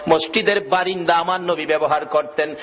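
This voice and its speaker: A man preaching a waz sermon, chanting in a sing-song way that rises into shouts. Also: on the high side, steady tone, moderate pace. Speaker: Islamic preacher.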